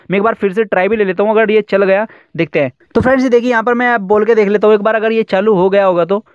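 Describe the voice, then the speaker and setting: Fast, high-voiced young man explaining an app. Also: smooth, no echo, dull audio. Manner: quick chatty explaining with fillers. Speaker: YouTube tech tutorial host. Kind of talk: casual screen-recorded app tutorial.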